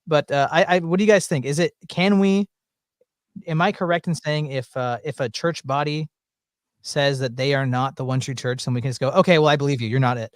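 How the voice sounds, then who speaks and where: A man's voice: a little high, moderate pace, dry recording, studio quality. A young man from the American South with no accent, talking casually in a panel discussion, full of fillers. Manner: rambling, filler-heavy.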